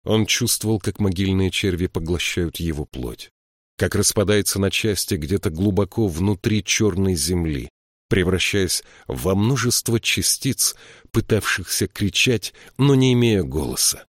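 A man narrating a fantasy audiobook in a steady, measured storytelling voice. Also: deep voice, no echo, clean studio sound. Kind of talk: scripted narration.

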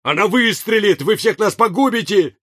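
A man voicing a frightened police officer in an audiobook, high and panicky. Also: animated, normal speed, a bit bright.

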